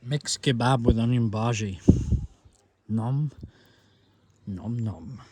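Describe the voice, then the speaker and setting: A man's voice: mid-range voice, slow pace, background noise. A man vlogging with a phone, talking in a rambling, tipsy way and swearing now and then. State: drunk. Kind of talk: casual vlog narration. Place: bus, street and home.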